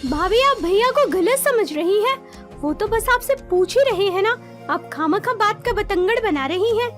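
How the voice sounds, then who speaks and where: A woman voicing a cheeky, watchful young sister in an animated story, teasing and accusing. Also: very high voice, normal speed. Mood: chiding. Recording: background music under the voice.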